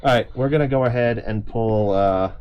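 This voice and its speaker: A man chatting casually at a board game table, thinking aloud with halting restarts. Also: medium pitch, clean tone, lo-fi sound.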